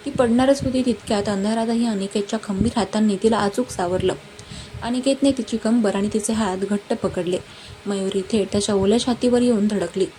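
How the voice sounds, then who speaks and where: A woman narrating a romance story in a dramatic, even-paced reading. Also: medium pitch, brisk. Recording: noisy background hiss.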